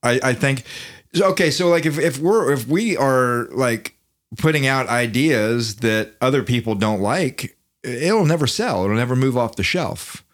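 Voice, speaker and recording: A man of middle pitch talks fast and lively in a casual podcast chat, swearing freely and tripping over his own restarts as ideas come. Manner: animated, profane, repeats words when starting thoughts. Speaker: podcast co-host.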